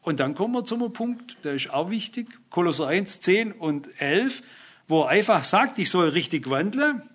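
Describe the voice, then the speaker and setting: A man's voice: high-pitched, very animated, moderate pace, a bit bright, slightly rough. A man preaching a sermon, earnestly addressing his listeners and citing Bible verses.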